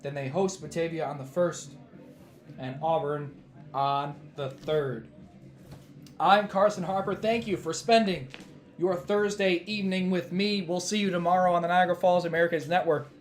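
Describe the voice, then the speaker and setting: A man doing baseball play-by-play who is losing his voice, with calm measured calls that rise on big plays. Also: high-pitched, roomy sound, a little hiss or hum. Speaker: play-by-play announcer.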